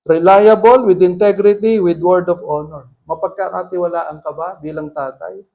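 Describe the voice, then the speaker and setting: A man's voice: sits high, fairly even intonation, normal speed, creaky, dark tone. A man preaching as pastor, mixing Tagalog and English and putting rhetorical questions to the congregation. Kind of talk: sermon.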